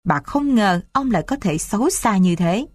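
A woman narrating a story in a steady, expressive reading voice. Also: mid-range voice, moderate pace, no room sound.

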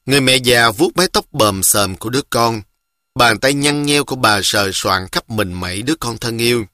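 A man reading a story aloud in a slow, deliberate, emotive way. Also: mid-range voice, sharp tone, no room sound, studio quality. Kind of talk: scripted story narration.

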